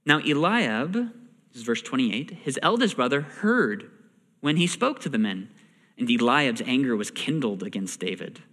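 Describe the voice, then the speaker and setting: A pastor preaches a sermon at an unhurried pace in a medium-pitched voice, reading scripture and explaining it conversationally. He is animated and sometimes acts out the characters' lines, and a long hall reverb surrounds him.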